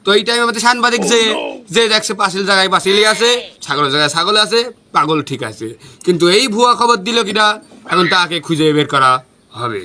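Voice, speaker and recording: Man playing a high-pitched parody news anchor. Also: animated, fast, sharp tone, heavily acted. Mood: mock-serious. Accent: western Bangladeshi, Chuadanga area. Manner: parody news anchor delivery, mock-serious, repetitive. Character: parody village TV news anchor, absurdly solemn.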